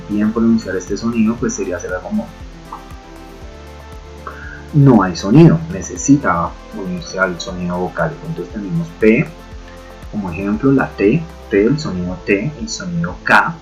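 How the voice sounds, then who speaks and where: A man gives an online lesson in a low voice, patient and explanatory, sounding out each example slowly. The audio is dull and lo-fi, with faint music underneath. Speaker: teacher. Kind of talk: online lecture on Greek roots.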